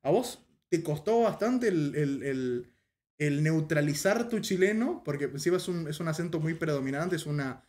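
A man's voice: fairly high pitch, normal speed. A man from Paraguay with a Paraguayan Spanish accent, hosting a casual chat in a joking, slangy manner. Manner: relaxed, joking, rioplatense slang. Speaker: host.

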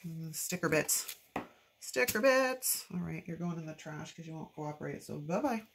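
At a normal speed and in a low voice, a congested woman with allergies talks casually to herself and her audience as she decorates a planner. The shot looks down on her craft table from overhead, and there's noticeable background noise.

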